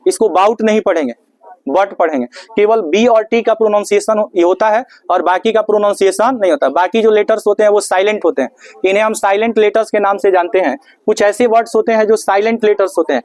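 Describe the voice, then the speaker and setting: A man's voice: high voice, fast, darkish tone. A man teaching English grammar in a classroom lesson, asking questions and answering them himself. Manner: asks questions and answers them himself, repeats key words; calls listeners "babu".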